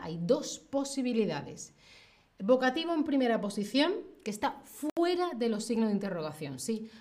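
Her voice a little high and darkish, a woman teaches Spanish grammar live, acting out sample phrases loudly. She keeps checking in with her listeners, tossing out rhetorical "¿sí?" and "¿vale?" again and again.

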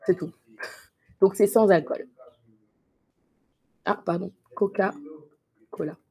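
A woman's voice: mid-range voice, lively intonation, dark tone. A woman teaching a live online French lesson, patiently reading dictation sentences and correcting students' answers. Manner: slow, patient, encouraging; repeats practice sentences slowly and clearly.

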